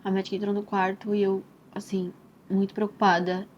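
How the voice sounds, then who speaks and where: A woman's voice: mid-range voice, flat delivery, a little fast. Tender young Brazilian woman telling her story. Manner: soft, tender and reflective, with frequent "né?" and "assim". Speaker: mother telling her own birth story. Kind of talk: personal testimonial storytelling. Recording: slightly dull recording with faint hiss.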